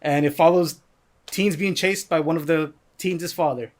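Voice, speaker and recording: A man's voice: on the high side, fairly even intonation, normal speed. A man with a slight lisp, hosting a casual podcast chat and reading out movie descriptions for a guessing game. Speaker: podcast host running a game.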